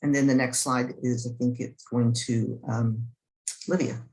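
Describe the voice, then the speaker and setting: A man's voice: medium pitch, steady tone, measured pace, a little mellow, low-quality recording. A man introducing the next segment on a video call, hesitant and full of fillers. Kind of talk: casual call moderation.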